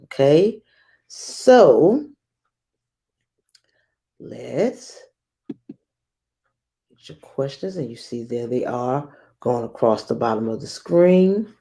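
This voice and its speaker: A woman hosts a children's read-aloud as a teacher, telling the story in a measured, expressive way. Her voice is very deep and gravelly.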